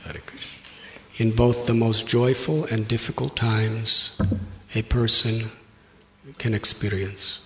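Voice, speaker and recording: A man giving a devotional address as a visiting preacher, speaking solemnly in short, measured phrases left open for an interpreter. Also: lowish voice, flat delivery, fairly bright tone. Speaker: visiting Hare Krishna preacher. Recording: echoey reverberant hall, noisy.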